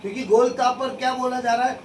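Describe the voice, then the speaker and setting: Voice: high-pitched, steady tone, fast, darkish tone. A religious studies teacher leading a call-and-response classroom drill, stating rules and quizzing the students with repeated questions. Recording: echoey room, distant mic, faint noise.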